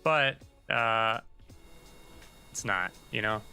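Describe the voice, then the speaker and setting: A man's voice: fairly low pitch, drawn-out words, sharp tone, clear, resonant tone, faint music behind, rough recording. A man giving casual, chatty commentary while livestreaming a game, thinking aloud and muttering asides to himself. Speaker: livestreaming gamer.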